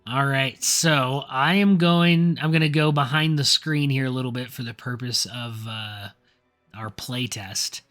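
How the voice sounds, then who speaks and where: A man's voice: medium pitch, steady tone, measured pace, a bit bright, faint music behind. A man narrating as dungeon master, describing scenes and reading rules aloud. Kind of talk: narrating a tabletop game.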